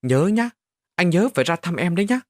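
A man's voice: high voice, sing-song, a little fast, no room sound, studio quality, voice pushed up. A man voicing a lonely chubby little boy who talks in a whiny, pleading way. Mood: tearful.

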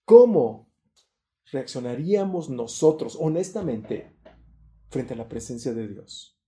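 A man preaching a sermon, earnest and emphatic, his voice rising louder and higher on key points. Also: animated, slow, roomy sound.

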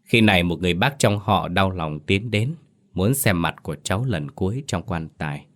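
A man narrating a horror story in a steady, grave manner. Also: deep voice, normal speed.

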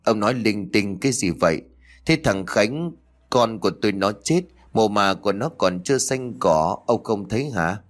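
A man's voice: on the low side, expressive, normal speed, close to an everyday voice. A man voicing a grieving middle-aged mother who talks through sobs in a spoken ghost story. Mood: reproachful. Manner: sobbing, lamenting.

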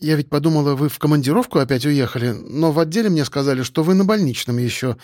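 A man's voice: a little high, fast, no room sound, clean studio sound, lightly acted. A man doing a shy, bashful young woman. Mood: chatty. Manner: timid, bashful, gently chatty.

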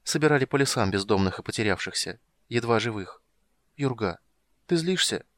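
A man's voice: mid-range voice, expressive, normal speed, fairly bright tone, dry recording, lightly acted. A man voicing a merchant's wife, anxious and tender, who talks in an urgent, fussing way.

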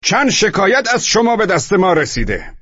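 A bullying police chief in a storybook, barking his questions in a raised, husky voice that swings up and down, as a narrator puts him on. The sound is muffled and lo-fi, with a dry, close feel. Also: a little high, expressive, dry recording, pitched above the performer's own voice. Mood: scolding. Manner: shouting, hectoring, suspicious. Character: loud, brusque middle-aged male police chief. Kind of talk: audiobook character voice. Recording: muffled lo-fi audio.

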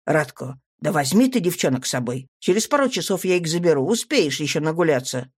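A woman voicing a disheveled male wizard mentor who speaks softly and insinuatingly. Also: low-pitched, animated, fairly quick, slightly rough, dry recording, clean studio sound. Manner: soft, insinuating.

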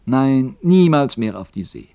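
A man's voice: medium pitch, sing-song, measured pace, vocal fry, mellow, clear, resonant tone, no echo, voice pushed up. A man voicing a young grieving sailor who pleads in a raised, impassioned voice. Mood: despairing. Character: young grieving male sailor, despairing and earnest.

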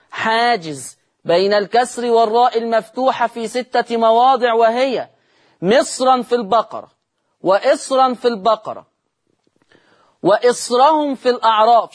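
A man with an Egyptian accent teaching Quran recitation in a televised lesson, drawing out words slowly to show how they sound and asking the viewers rhetorical questions. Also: sits high. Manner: draws out words slowly to demonstrate pronunciation.

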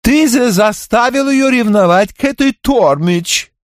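A sulky, tipsy young woman protests in a whiny, indignant voice, played by a male audiobook reader. She draws out her words slowly and swings her pitch high. The sound is dry and close-miked. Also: expressive, dry recording.

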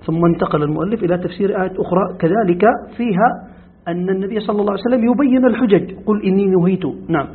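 A man's voice: high-pitched, racing. A man, a sheikh, teaching Quran commentary and explaining points to his students. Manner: explains and adds points, ending with a confirming word. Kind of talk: explanatory religious lesson. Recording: tinny phone-like lo-fi audio.

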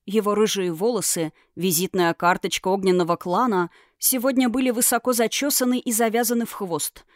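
A woman's voice: mid-range voice, no room sound, studio quality. Woman narrating a fantasy audiobook.

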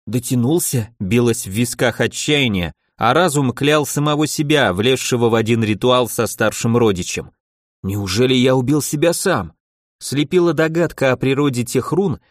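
A man narrating a fantasy novel as an audiobook, raising his pitch when he acts out the characters' lines. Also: no room sound, clean studio sound.

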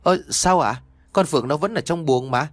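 A man's voice: a little high, moderate pace, no echo, close to an everyday voice. A man voicing a startled young woman on the phone who asks anxious questions.

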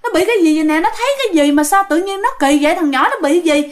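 A woman's voice: high-pitched, natural voice. A woman voicing a worried neighbor who fires off anxious questions about a frightened boy. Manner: fretful rapid questions. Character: worried neighbor, an adult, fussing.

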